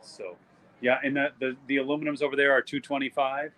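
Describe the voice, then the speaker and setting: A man's voice: medium pitch, flat delivery, a little fast, pushed and bright, low-quality recording. A middle-aged man with a Minnesota accent, hosting a casual live stream from an outdoor art fair booth and chatting with visitors about his photography. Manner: chatty, rambling, friendly sales talk. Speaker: photographer and YouTube host.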